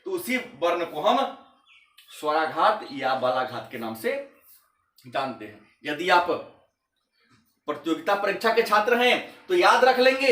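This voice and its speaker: A man teaching a grammar lesson, repeating each definition slowly as if for students to write down. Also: very high voice, bright, forceful tone. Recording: echoey room, mic at a distance.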